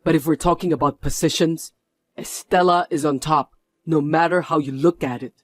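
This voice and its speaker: A stern executive husband lays down the law in a firm, scolding way, as a man acts him out. His voice sits a bit high for a man and sounds close and dry. The dubbed-drama delivery stays steady. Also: moderate pace, dry recording, natural voice. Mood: indignant.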